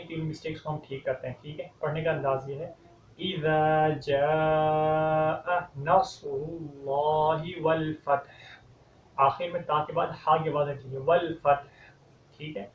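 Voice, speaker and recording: A man with a Pakistani Urdu accent teaches Quran recitation, calm and methodical as he walks through common mistakes. His voice sits a little high, and he slows into long chanted verses. The room sounds echoey and slightly muffled, with a faint hiss. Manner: patient, explains each error, then recites slowly and louder. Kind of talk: step-by-step recitation lesson with slow chanted verses.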